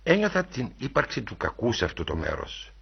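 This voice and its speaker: A man giving an expressive dramatic reading of a novel. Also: mid-range voice, vocal fry, husky, dull audio. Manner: expressive, storytelling. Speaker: audiobook reader.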